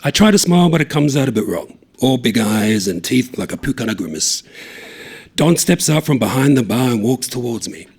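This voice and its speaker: A gravelly, medium-pitched man reads a short story at a brisk clip, performing it dramatically with character voices. He's lively and acts out the dialogue, shouting some lines and dropping to a hush on others.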